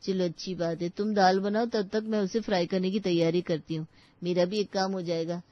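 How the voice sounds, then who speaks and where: A woman's voice: lowish voice, fairly even intonation, brisk, no room sound, lightly acted. A chatty, easygoing young sister-in-law who gives advice in a breezy way, as a woman acts her out. The sound is dry and close, with no room around it. The recording is dull and lo-fi. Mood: casual. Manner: casual, breezy advice-giving.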